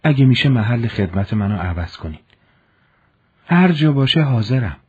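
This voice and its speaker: A man's voice: medium pitch, big pitch swings, a little mellow, breathy edge, muffled recording, pitched above the performer's own voice. A man voicing a young village conscript who speaks earnestly and firmly. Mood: resolute. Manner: earnest, resolute. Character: young village soldier, firm and principled.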